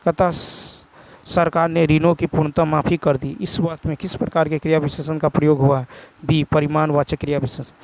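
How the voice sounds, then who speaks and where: A man's voice: on the high side, gravelly, darkish tone, low-quality recording. A male teacher, with a Bihar Hindi accent, goes through exam prep answers, reading each question and then repeating the answer.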